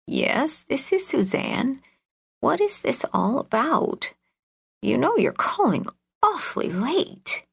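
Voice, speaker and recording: A woman putting on a raspy, cranky old lady. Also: sits high, big pitch swings, slow pace, dry recording, pitched above the performer's own voice, exaggerated voice. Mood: irritated. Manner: gruff, suspicious, scornful. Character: cranky older woman, hard of hearing.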